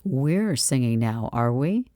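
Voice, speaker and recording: A woman narrator plays an easygoing fiancé in a cozy mystery audiobook. He is doting and playfully teasing, with a low, mellow voice and a dry, close sound. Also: sing-song, slow pace, dry recording, full character voice. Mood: tender teasing. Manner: light-hearted teasing.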